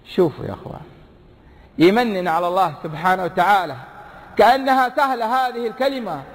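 Emphatic preacher in a hall. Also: male voice, fast talker. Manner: emphatic, swinging between low asides and high exclamations. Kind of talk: sermon. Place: large hall before a big audience. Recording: long hall reverb.

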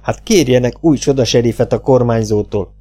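A man voicing an angry, humiliated middle-aged town sheriff who talks loud and exasperated, with a gravelly voice and faint music behind. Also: medium pitch, animated. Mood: irritated, suspicious.

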